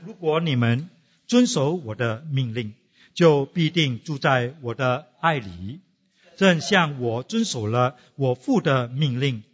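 A man's voice: on the high side, breathy edge, big-room sound, highs cut off. A man preaching a sermon, asking his congregation rhetorical questions and dropping English phrases into his talk. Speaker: pastor.

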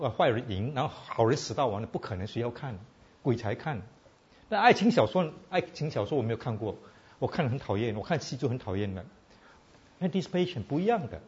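A male preacher teaches a Bible class in a casual sermon that mixes Chinese and English. His husky voice is animated in pitch, and he often asks the audience "all right?" The recording is lo-fi.

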